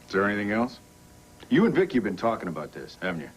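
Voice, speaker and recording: Defensive, animated low-voiced man. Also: rapid-fire, a little hiss or hum, low-quality recording. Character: defensive, restless man seeking romantic advice. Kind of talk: soap opera dialogue.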